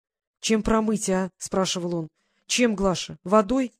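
An audiobook reader voicing a protective young man who is gruff and worried, in a dry, close recording. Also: medium pitch, normal speed, dry recording, close to an everyday voice.

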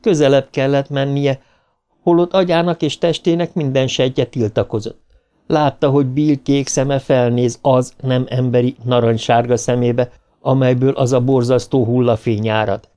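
A man's voice: mid-range voice, fairly even intonation, warm tone, smooth. A man narrating an audiobook in a tense, dramatic reading style.

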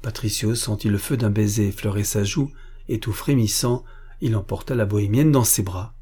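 A man reading an adventure novel aloud as an audiobook, in a measured, even narration. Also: fairly low pitch, slightly rough.

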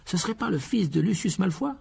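A playful teenage wizard twin chats in an easygoing, conspiratorial way in an audiobook, played by a man. The voice is lifted well above the reader's own. It stays husky and rough. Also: high-pitched, animated, brisk, darkish tone, pitched above the performer's own voice, full character voice.

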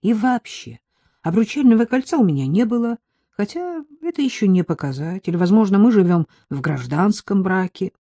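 A woman reading a first-person audiobook in a measured, anxious inner voice. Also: mid-range voice, big pitch swings, warm tone, no room sound. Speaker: audiobook narrator.

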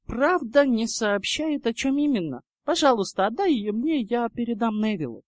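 A man voicing an earnest, loyal schoolboy who shouts indignantly. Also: extremely high pitch, lively intonation, moderate pace, no room sound, clean studio sound, voice pushed up.

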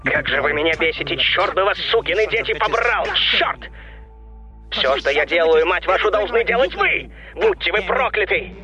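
A domineering cult leader's voice comes through a loudspeaker, high-pitched and swinging widely up and down. The sound is dull and lo-fi, with music playing loudly behind it. He commands and harangues everyone in earshot. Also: sing-song, moderate pace, exaggerated voice. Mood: raging. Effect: voice over a camp loudspeaker system. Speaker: cult leader addressing followers.

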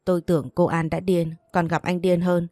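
A woman's voice: lowish voice, little pitch movement, normal speed, warm tone, no room sound, clean studio sound, soft background music, natural voice. A woman playing a blunt, defiant young wife. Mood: exasperated. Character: stubborn young wife who won't be bullied.

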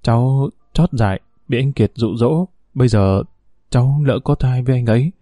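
A man's voice: medium pitch, a little fast, no room sound, clean studio sound, lightly acted. A man voicing a scheming, pregnant young woman who pleads and whines in an audiobook story. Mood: pleading. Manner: whiny, pleading, sharp when crossed. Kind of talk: audiobook character voice.

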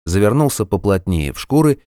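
Man, audiobook narrator, fantasy novel, measured, very deep voice. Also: no echo, clean studio sound. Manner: measured, even storytelling.

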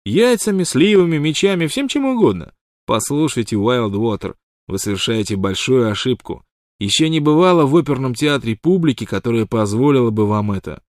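A man reading an audiobook, voicing a brash, excitable male prospector sidekick in a loud, mocking manner. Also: mid-range voice, moderate pace, no echo, studio quality, voice pushed up, natural voice. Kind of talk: audiobook character voice.

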